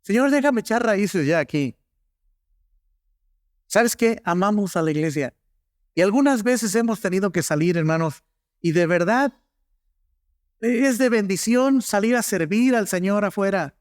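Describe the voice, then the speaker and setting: A man's voice: high voice, lively intonation, moderate pace, no echo, studio quality. A middle-aged male pastor, preaching a sermon in a conversational, storytelling way with many asides to the congregation.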